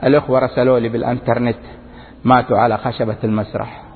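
A man preaching a fervent sermon to a large crowd, his voice climbing to high, emphatic peaks. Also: flat delivery, racing, slight background noise. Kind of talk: impassioned sermon. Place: large lecture hall before a crowd. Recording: tinny phone-like sound with long hall reverb.

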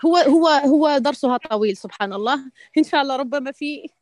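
Lady tajweed teacher, high voice, lots of restarts and pauses, dry close sound. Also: darkish tone, dry recording. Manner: hesitant, many restarts and drawn-out fillers, pious interjections. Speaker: Quran recitation teacher. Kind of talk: online tajweed lesson answering questions.

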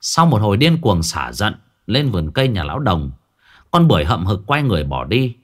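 A man's voice: on the low side, very animated, brisk. A man narrating a comic folk tale in an earthy, colloquial way. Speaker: storyteller.

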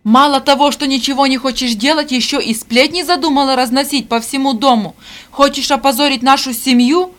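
A woman reading an audiobook voices a domineering middle-aged mistress who shouts and scolds harshly. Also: high voice, fairly even intonation, a little fast, pitched above the performer's own voice. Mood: shouting furiously.

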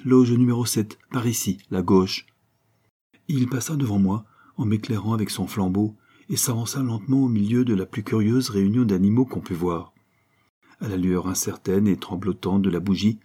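A man narrating a classic novel as an audiobook, reading in a measured, descriptive way. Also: lowish voice, warm tone, husky. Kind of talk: scripted literary narration.

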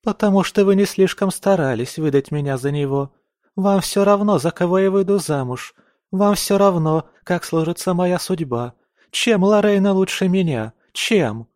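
A man voicing a spoiled young noblewoman, whiny and hysterical, shouting through tears. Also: sits high, moderate pace, no room sound, studio quality, pitched above the performer's own voice, lightly acted. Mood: accusing.

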